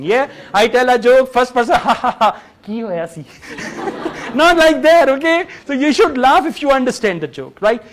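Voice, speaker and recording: A man with a Pakistani English accent lectures a live classroom, his voice pitched fairly high. He talks in a lively, joking way and drops into Urdu and Punjabi now and then. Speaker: English teacher. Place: classroom before a live audience.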